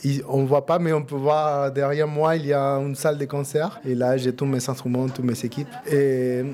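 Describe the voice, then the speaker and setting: This interviewee, a musician who co-founded a café, is an Argentine man and native Spanish speaker. His Argentine-accented voice is medium in pitch, level and warm, at a moderate pace, and his informal answers in the casual interview often repeat words.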